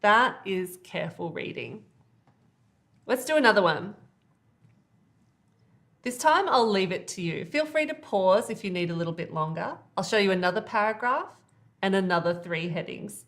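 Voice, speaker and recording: A woman at a middle pitch teaches an online exam-prep lesson. She explains reading techniques in a clear, patient, emphatic way, guiding the listener step by step. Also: lively intonation, moderate pace, long pauses, a bit bright. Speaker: IELTS teacher.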